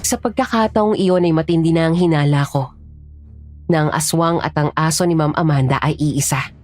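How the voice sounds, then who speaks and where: A woman giving scripted first-person narration of a horror story, serious and steady. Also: sits low, moderate pace, soft background music.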